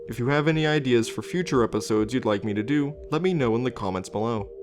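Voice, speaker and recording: Over background music, a fast-talking man with a mid-range voice hosts and narrates a scripted informational documentary.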